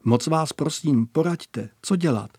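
A worried mother pleads for advice in her letter, read out by a man. The delivery is slow and subdued, in a dry room. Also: on the high side, lively intonation, husky, no room sound. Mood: pleading. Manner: pleading, soft.

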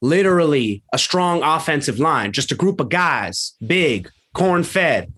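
A man playing an ignorant, blustering small-town male football coach in a comedy sketch, gruff with sudden high-pitched outbursts. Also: animated, a little slow, fairly bright tone, exaggerated voice.

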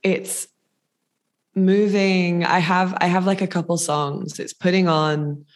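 A woman's voice: lowish voice, level tone, slow. A woman guest on a podcast, talking casually and effusively, often repeating words as she searches for them.

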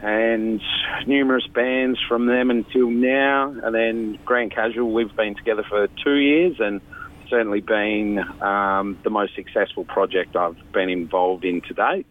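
A man's voice: lowish voice, fairly even intonation, unhurried. Man on a tinny phone line. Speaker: band lead singer, radio guest. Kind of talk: casual phone interview.

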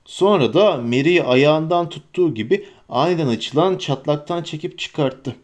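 A man with a somewhat high voice reads a fantasy story aloud. His delivery is steady and even, an audiobook narrator carrying the scene along. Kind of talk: scripted narration.

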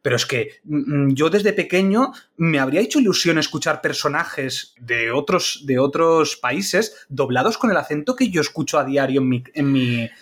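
Chatty podcast host leading talk. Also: male voice, a little high, animated, normal speed, a bit bright. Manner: leads the topics, conversational and laughs easily. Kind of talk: casual chat.

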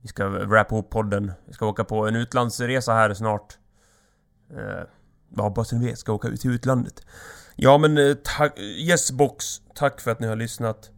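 A man's voice: on the low side, fairly even intonation, vocal fry. A man hosting a solo comedic podcast, rambling in an offhand way and joking crudely. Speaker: podcast host.

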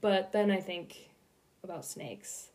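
A woman's voice: mid-range voice, a little mellow. Woman co-host, playful and giggly, casual chat. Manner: playful, quick to laugh. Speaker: podcast co-host.

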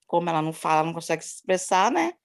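A woman's voice: on the low side, very animated, very fast, vocal fry. A woman who works at a daycare tells a personal story on a video call from her phone, rambling and repeating herself with many tag questions. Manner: rambling and repetitive, many "né?" tags. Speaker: daycare worker sharing an experience.

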